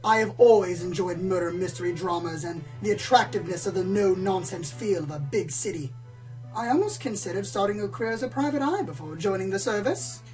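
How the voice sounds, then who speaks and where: In a comedic radio play parodying hardboiled narration, a woman plays a pompous, dramatic male pony storyteller who loves noir detectives, sounding florid, self-important, earnest and grand. Her mid-range voice is natural, a little mellow and fairly quick. The low-quality recording is made from a distance with faint music behind.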